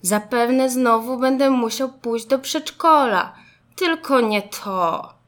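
A woman doing a tearful little boy car. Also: slow pace. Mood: reluctant. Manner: high whiny pleading voice. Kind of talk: storybook reading.

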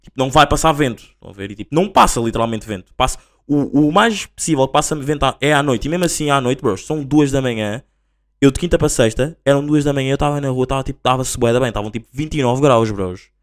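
A young man with a European Portuguese accent hosting a solo podcast, rambling and slangy as he tells stories in a casual, animated way. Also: medium pitch, fast. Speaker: podcast host.

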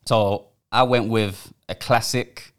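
A man's voice: on the low side, steady tone, slow, clean tone. A young man with a London roadman accent and slang, bantering casually as a podcast host and repeating phrases for emphasis. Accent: London, urban roadman slang. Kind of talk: casual banter, debating music.

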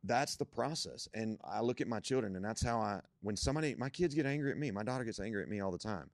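A man's voice: on the low side, expressive, quick pace, no room sound, studio quality. A young man, a guest on a church podcast, talking about faith in an emphatic, preacherly way that builds to strong points.

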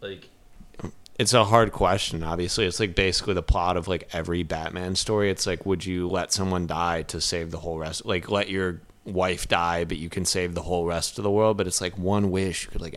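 A man's voice: deep voice, fairly even intonation, brisk, fairly bright tone. A man co-hosting a podcast, chatting casually in a rambling, laid-back way full of fillers. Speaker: podcast co-host. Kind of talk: casual chat.

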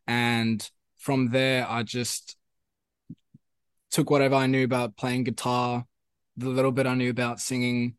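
Recorded dry, a young man with a clean, mid-range tone appears as a musician guest in a casual interview. He is South African, grew up speaking Afrikaans, and speaks accented English in a rambling, repetitive way heavy with fillers.

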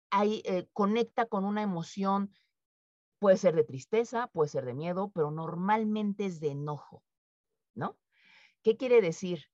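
A woman's voice: mid-range voice, no room sound. A woman with a Mexican accent presenting a webinar, talking to participants, acting out quoted speech and asking tag questions. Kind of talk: interactive webinar talk. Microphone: video call. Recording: dull, dry video-call audio.

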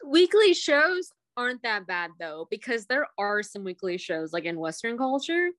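A young woman talks on a podcast in a bubbly, giggling way, her pitch leaping high and low. She sits a touch above average in pitch. The sound is close and dry, with no room around her. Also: moderate pace, no room sound. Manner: animated, giggly, lots of fillers. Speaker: podcast co-host. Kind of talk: casual chat.

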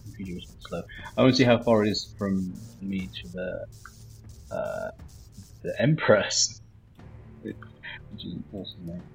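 A man's voice: sits low, unhurried, vocal fry, pauses often, soft background music, rough recording. A man playing a tabletop game, talking in a dry, wry way. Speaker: player. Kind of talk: casual tabletop play.

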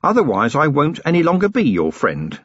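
Male reader voicing a weary, sharp police commander in an audiobook; patient, ironic coaxing, husky tone. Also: on the high side, huge pitch swings, brisk, no room sound, highs cut off, voice pushed up, heavily acted.

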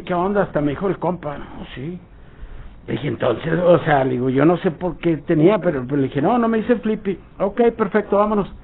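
High-voiced Mexican man, phone-like sound. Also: slight background noise. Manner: rambling storytelling with acted-out dialogue. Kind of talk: casual anecdote on a radio show.

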